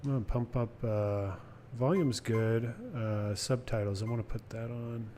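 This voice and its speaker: A male livestreamer chats casually through a video game. His pitch is average, and game music plays clearly behind him. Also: steady tone, measured pace.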